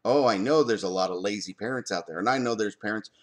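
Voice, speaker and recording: A man talking in an opinion vlog as a parent. He argues forcefully, stops to ask pointed rhetorical questions and answers them himself. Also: fairly low pitch, fast talker. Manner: emphatic, argumentative, fires rhetorical questions. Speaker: parent commenting on school board policy.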